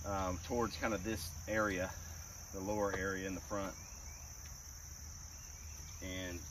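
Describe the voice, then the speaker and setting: Male, low register, speaking from the side of his mouth; casual work vlog, distant noisy outdoor mic. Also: a bit bright. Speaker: vlogger. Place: outdoor woodyard under pines.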